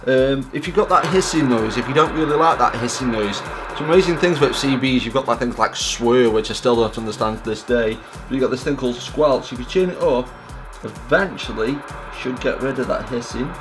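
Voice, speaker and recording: A British man with a medium-pitched voice speaks fairly quickly in a loose, casual vlog style. As the vlog host, he rambles a bit and shows a self-deprecating streak, with music playing behind him.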